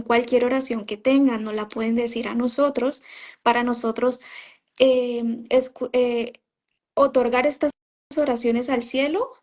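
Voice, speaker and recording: A woman's voice: on the high side, darkish tone. A woman giving a personal testimony in an interview, telling her story in a conversational way and often quoting what she said at the time. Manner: storytelling, often quoting herself, frequent "¿sabes?" and "o sea". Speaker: interview guest, former member of a religious group.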